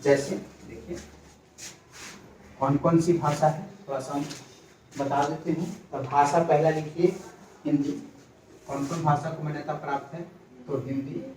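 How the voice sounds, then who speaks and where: A man with a slightly raised voice teaches a class, asking questions and repeating each answer slowly. He is heard from a distance in an echoey classroom, with faint noise behind him. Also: fairly high pitch, level tone. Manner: repeats key words, quizzes students; calls for quiet. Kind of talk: classroom lecture.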